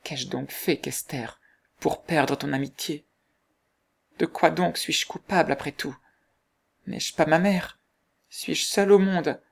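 A desperate young woman pleads in breathless, anguished bursts, as a man reading the story puts her on. The voice sits higher than the reader's own and keeps a gravelly edge, with an urgent, pleading drive that never settles. It suits a storybook told aloud. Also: slow pace, pauses often, exaggerated voice.

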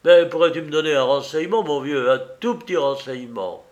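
A man voicing a charming, playful gentleman thief in an audiobook reading. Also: a little high, fairly quick, close to an everyday voice. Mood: sly. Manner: gallant, playful.

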